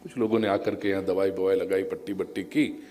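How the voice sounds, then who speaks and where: Animated Hindi storyteller man. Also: a little fast, soft background music. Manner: animated, acts out characters' cries with raised pitch. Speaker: spiritual storyteller. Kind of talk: devotional story sermon. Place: large outdoor or hall religious gathering.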